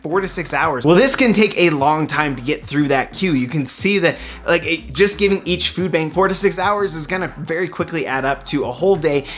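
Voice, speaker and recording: A man's voice: on the high side, a bit bright. A man in his thirties hosting a casual educational explainer, talking step by step in a conversational way from a small home office. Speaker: economics explainer host.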